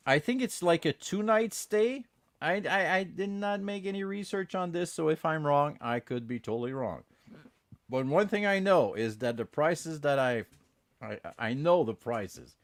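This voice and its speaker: A man with a Quebec French accent, a native French speaker, hosting a casual bilingual podcast and switching between English and French in an animated, hesitant way. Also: a little high, no echo, studio quality. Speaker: podcast host.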